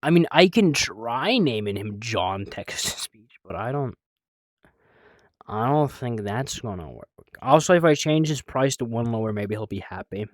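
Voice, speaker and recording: A man's voice: medium pitch, expressive, unhurried, no echo, studio quality. A man streaming a game live, rambling casually, swearing a lot and making playfully dramatic, mock-whiny complaints.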